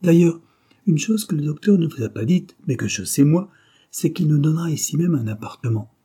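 A naive young woman from a storybook, earnest and a little plaintive, as a male reader puts her on. The voice sits higher than his own but keeps his dark, husky timbre. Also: lively intonation, a little fast.

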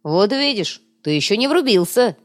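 A woman voicing a rough, slangy male gang boss who talks bluntly in an audiobook. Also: medium pitch, sing-song, normal speed, voice pushed up, lightly acted. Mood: gruff.

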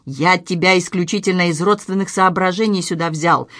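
A fussy, scornful head waiter exclaims and scolds in a raised, sharp voice, as an audiobook narrator does him. He sounds indignant and quick to insult. The sound is dry and close to the mic. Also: mid-range voice, dry recording, close to an everyday voice. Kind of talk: audiobook character reading.

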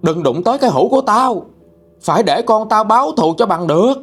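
A man's voice: high-pitched, lively intonation, fairly quick, faint music behind, voice pushed up. A man voicing a frenzied, vengeful old village mother in a storytelling ghost tale. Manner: screaming, crazed.

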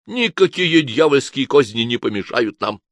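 A man voicing a stern, pompous older male inquisitor who proclaims loudly in an audiobook. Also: animated, moderate pace, no room sound, clean studio sound, natural voice. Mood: solemn. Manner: booming, solemn proclamations.

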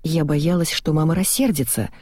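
A narrator reading a first-person story aloud, lively and expressive. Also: medium pitch, normal speed, no echo, clean studio sound. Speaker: audiobook narrator.

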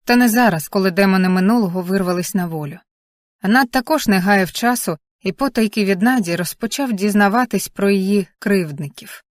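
Calm woman narrating an audiobook. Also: medium pitch, dry recording, clean studio sound. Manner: calm, measured storytelling. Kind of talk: scripted narration.

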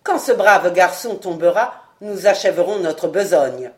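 A woman's voice: on the low side, expressive, a little slow. A woman voicing a cruel, ironic male ex-acrobat who mocks his dying foe, in a storybook reading. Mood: cold. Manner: ironic, sneering.

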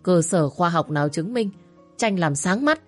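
A woman's voice: on the low side, a little slow, soft background music, natural voice. Woman doing a furious young mother. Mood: angry. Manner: sharp and scolding. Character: young mother, angry and protective daughter-in-law.

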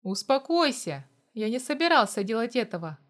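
A jealous, stubborn young hero of an audiobook story, as a woman reader voices him. He fires off irritable, defiant questions in a fairly high voice. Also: very animated, normal speed. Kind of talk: audiobook dialogue.

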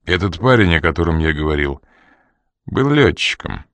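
A man voicing a cold, menacing man who presses a woman with slow, quiet, threatening questions. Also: extremely low pitch, expressive, no echo, voice pushed down, full character voice. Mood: probing.

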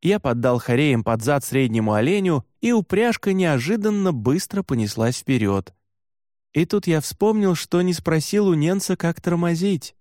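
A man reading a children's audiobook in first person, with an expressive, lively delivery. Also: fairly high pitch, normal speed, no echo, clean studio sound. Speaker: audiobook narrator.

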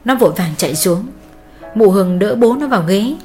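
A woman narrating a dramatic family story in steady, scripted storytelling. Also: mid-range voice, a little fast, faint music behind.

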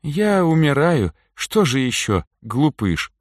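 Man reading doing a weak dying elf lady, slow and soft, dry close sound. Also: fairly high pitch, very animated, no echo, voice pushed up, exaggerated voice. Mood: tender. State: weak, whispering. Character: dying elf woman, weak, tender, calm.

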